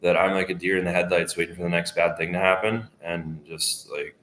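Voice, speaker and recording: A man in his twenties with a deep, low voice rambles to the camera. His talk is profane and loose, often trailing off mid-thought. The sound carries the echo of a reverberant room. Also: fairly even intonation, fairly quick, fairly bright tone. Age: 20s. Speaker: vlogger. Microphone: camera facing speaker. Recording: echoey room.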